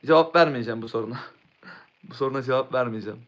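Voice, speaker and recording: A man's voice: mid-range voice, quick pace, fairly bright tone, lo-fi sound. A young man chatting casually on a live stream, rambling, restarting words and answering viewers' chat.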